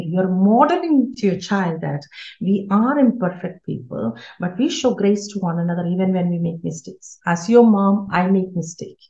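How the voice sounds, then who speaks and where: This parenting speaker has a medium-pitched, slightly mellow voice and an earnest manner, leaning on repeated key words to stress her points. The recording is a video call with roomy, somewhat dull online audio.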